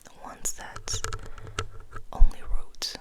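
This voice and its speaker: An ASMR host, a woman, whispers softly as she reads and rambles in a hushed, gentle, unhurried manner.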